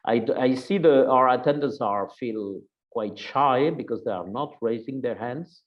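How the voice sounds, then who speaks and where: A man's voice: mid-range voice, normal speed. A man moderates an online discussion over a video call, his voice sitting in an ordinary middle register. He talks in short, reflective phrases. The call audio is dull and lo-fi. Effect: heard over a video call. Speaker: webinar moderator.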